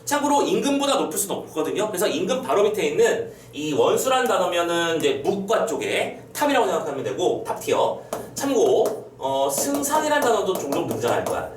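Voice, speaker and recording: A male teacher with a high, very lively voice, lecturing his students in a playful, chatty way and throwing quick questions at them. He sounds a little away from the mic in an echoey room, with a faint hum behind him. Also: recorded from a distance. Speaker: Korean literature teacher.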